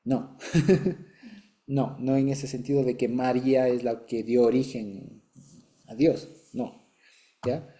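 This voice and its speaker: A man with a very deep, mellow, warm voice leads a conversational Bible lesson. He explains patiently, checks in often with short asides to his listeners, and chuckles lightly along the way. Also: fairly even intonation, takes it slowly, pauses often. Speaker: Bible study teacher.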